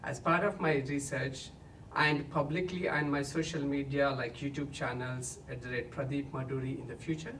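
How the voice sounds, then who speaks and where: A man interviewing, reading a formal consent question quickly. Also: mid-range voice, steady tone, a bit bright, slight background noise. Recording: distant mic with faint music.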